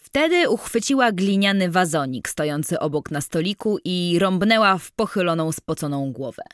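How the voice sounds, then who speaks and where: A woman reads an audiobook aloud, telling the story at a measured, even pace. Her voice sits on the low side, and the studio recording is clean with no echo.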